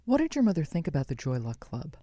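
An interviewer asking an author measured, admiring questions. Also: medium pitch, huge pitch swings, warm tone, no room sound, clean studio sound. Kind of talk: interview conversation.

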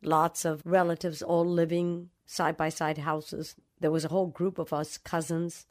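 A woman's voice: deep voice, little pitch movement, moderate pace. A woman from the Dominican Republic, a novelist giving reflective, storytelling answers in an interview. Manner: thoughtful, acts out remembered dialogue.

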